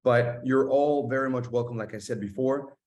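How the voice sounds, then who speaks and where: A man's voice: medium pitch, fairly even intonation, moderate pace, a little mellow. A man hosting an online webinar from an office, talking with many fillers and restarts. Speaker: host. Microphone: video call.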